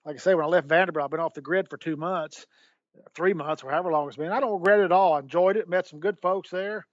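A middle-aged man with a slightly high voice talks haltingly over a muffled, dry line, repeating words and filling pauses as he thinks. He has the hiccups and speaks frankly as an interview guest. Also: dry recording. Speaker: guest, former sports executive. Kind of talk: candid phone interview.

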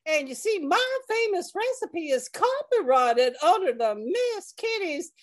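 A woman's voice: very high-pitched, sing-song, measured pace, dry recording, clean studio sound. A woman hosting a comedic radio cooking show, folksy, huffy and theatrical.

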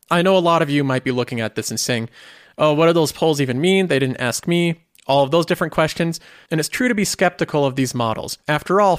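A man's voice: fairly high pitch, no echo, studio quality. A man hosting a finance video, explaining in scripted commentary and posing rhetorical questions.

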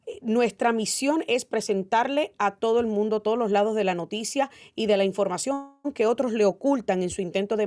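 An emphatic woman runs a call-in political radio show, with a voice of middling pitch. She talks in a firm, opinionated way, often pausing on "eh" as she goes. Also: darkish tone. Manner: opinionated, emphatic, with frequent "eh" fillers. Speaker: radio talk show host.

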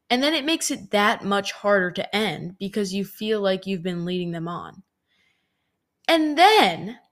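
A woman's voice: medium pitch, fairly bright tone. A woman in her twenties, a podcast host, telling a story in a chatty way with lots of filler words. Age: 20s. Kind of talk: casual storytelling monologue.

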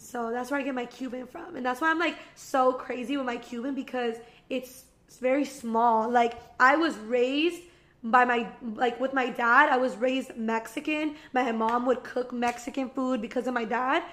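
High bright-voiced young woman chatting. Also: fairly even intonation, normal speed. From Las Vegas, United States. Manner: giggly, chatty storytelling. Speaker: podcast guest. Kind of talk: casual chat.

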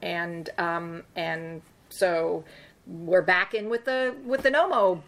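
A woman's voice: on the low side, slow pace, a bit bright. An older woman telling stories in an interview, rambling and wry, with lots of ums and restarts. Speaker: sports agent interviewed about past deals. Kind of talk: conversational interview storytelling.

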